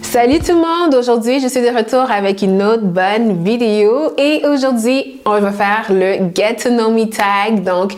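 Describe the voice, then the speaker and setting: A woman's voice: on the high side, a little slow, hardly any pauses, a little mellow, soft background music. A young woman from Canada with a Québécois accent, answering questions in a casual vlog, chatty and hesitant with fillers. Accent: Québécois French. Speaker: YouTube host.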